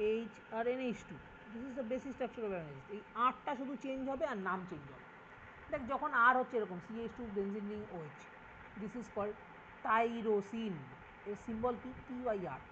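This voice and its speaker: Informal tutor, mid-pitched voice, dull lo-fi recording with steady background hiss, explains step by step and keeps checking in. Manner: explains step by step, often checks with "ঠিক আছে?"; mixes English terms into casual explanation. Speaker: chemistry tutor. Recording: dull lo-fi audio with clear background noise.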